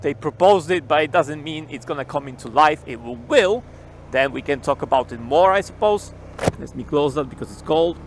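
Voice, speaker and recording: A man's voice: on the high side, animated, normal speed, a little hiss or hum. Chatty man talking inside a motorcycle helmet. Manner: rambling, swears casually, repeats key words. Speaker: motorcycle vlogger. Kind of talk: casual chat while riding. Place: on a motorcycle in city traffic, outdoors.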